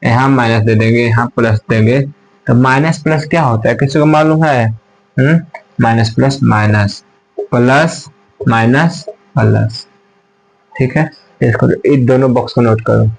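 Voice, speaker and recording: A man's voice: medium pitch, a little slow, creaky, faint music behind, rough recording. Man teaching at a whiteboard, repetitive. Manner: repeats himself and asks and answers his own questions. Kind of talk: classroom lesson at a whiteboard.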